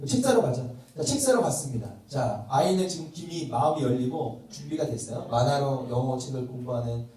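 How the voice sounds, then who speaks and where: A man's voice: medium pitch, animated, a little fast, mellow. A man, a pastor, teaching a parenting workshop at church, quizzing the audience and acting out parent-child dialogues. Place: church welfare hall classroom. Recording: distant mic in a reverberant hall with faint noise.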